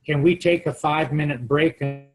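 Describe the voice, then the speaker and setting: A man's voice: on the high side, steady tone, normal speed, darkish tone. A man on a remote video call with a bad connection, his audio cutting out as he asks whether he is heard. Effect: breaking-up video call audio.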